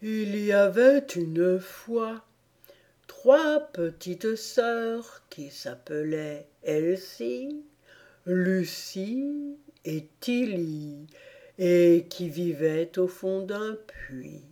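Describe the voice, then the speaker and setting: A woman voicing a drowsy male dormouse with a slow, dreamy, half-asleep drawl in an audiobook. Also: lowish voice, animated, warm tone, heavily acted. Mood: sleepy. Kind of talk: audiobook character voice.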